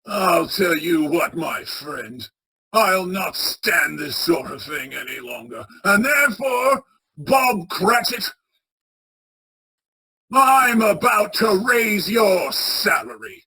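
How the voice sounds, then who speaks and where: A woman playing an old male miser turned giddy and generous in a radio play, with a raspy, emphatic theatrical delivery. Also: fairly low pitch, expressive, slow, bright, forceful tone, exaggerated voice. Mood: mock stern.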